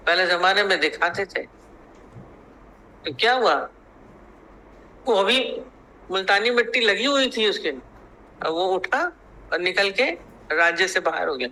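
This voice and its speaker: High bright-voiced guy doing a spiritual talk, acts out the story bits, says stuff twice. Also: animated, unhurried, pauses often, a little hiss or hum, rough recording. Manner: storytelling, acting out quoted dialogue; repeats phrases to press the point. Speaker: spiritual teacher. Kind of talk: spiritual discourse.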